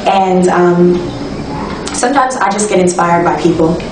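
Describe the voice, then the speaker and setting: A young woman, a singer-songwriter talking casually in an interview, relaxed and reflective with frequent ums and restarts. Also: fairly low pitch, unhurried, background noise. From Toronto, Canada. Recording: echoey room, distant mic, music behind.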